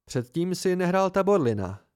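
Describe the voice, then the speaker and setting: A young male student, polite and brisk, holding back amusement, as a male reader voices him. The tone sits a touch higher than the reader's own mellow voice, recorded dry. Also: sing-song, smooth, dry recording. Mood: amused. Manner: brisk, stifling laughter.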